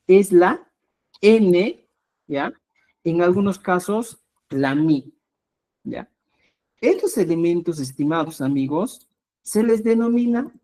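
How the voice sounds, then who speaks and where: A woman teaching a live online language class, explaining slowly and repeating herself, with a constant "¿ya?" to check her students follow. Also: on the low side, a little mellow. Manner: slow, repetitive explanations with rising emphasis.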